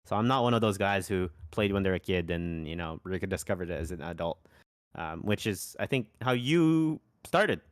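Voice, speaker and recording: A man commentating a live tabletop wargame tournament in casual style, relaxed and hesitant, with many ums and restarts and easy laughter. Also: deep voice, moderate pace, no echo, clean studio sound.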